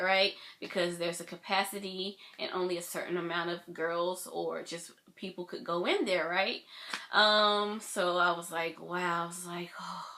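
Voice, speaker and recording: A young woman, chatty and gushing, telling a personal story in a vlog and tearing up softly at times. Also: on the low side. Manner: chatty, gushing, voice dipping soft as she tears up. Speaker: vlogger.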